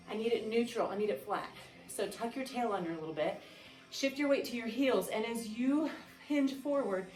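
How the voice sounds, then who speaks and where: A woman's voice: medium pitch, a little mellow. Woman coaching a workout in an echoey room. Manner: upbeat coaching cues and countdowns. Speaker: fitness instructor. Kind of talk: workout class instruction. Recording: echoey room, mic at a distance, faint music. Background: faint background music.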